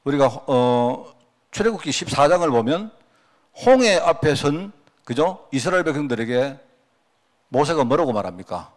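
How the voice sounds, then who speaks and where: A man's voice: mid-range voice, big pitch swings, normal speed. A man, a pastor, preaching a sermon in a conversational way, asking his congregation rhetorical questions and acting out quoted prayers. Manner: acts out quoted prayers and remarks.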